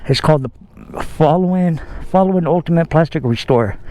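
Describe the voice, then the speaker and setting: A man's voice: on the high side, moderate pace, mellow. A man casually vlogging about his scooter outdoors, rambling in a folksy way with fillers and self-corrections. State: out of breath. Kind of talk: casual vlog talk.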